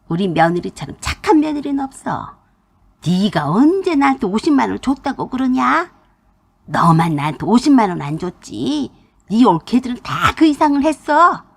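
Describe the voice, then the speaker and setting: A woman's voice: a little high, very animated, unhurried, creaky, husky, heavily acted. A woman doing a stern, scolding old mother-in-law.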